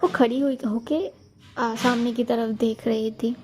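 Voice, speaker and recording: A woman's voice: fairly high pitch, steady tone, measured pace, background noise. A young woman narrating a romance story in a chatty, casual way, talking straight to her listeners. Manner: chatty, talks to listeners directly.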